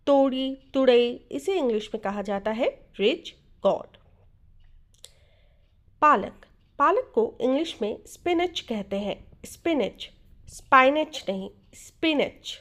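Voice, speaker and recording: Slow, patient Indian woman teaching words. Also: on the high side. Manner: repeats each word slowly, asks quiz questions. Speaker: English vocabulary teacher. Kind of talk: slow, drilled vocabulary lesson.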